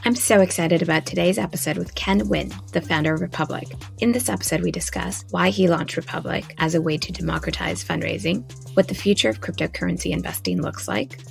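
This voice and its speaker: A woman's voice: lowish voice, vocal fry. A woman hosting an interview podcast, reading an upbeat scripted intro and then chatting with her guest. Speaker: podcast host.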